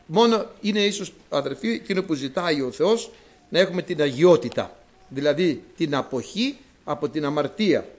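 An older man preaches with a high voice that swings widely in pitch. He is emphatic and repetitive, often turning to his listeners as brothers. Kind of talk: sermon.

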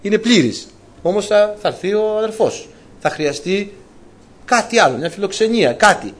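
Greek-style preacher man, slightly high voice. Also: animated. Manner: storytelling with colloquial asides; addresses congregation as dear brothers. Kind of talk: sermon.

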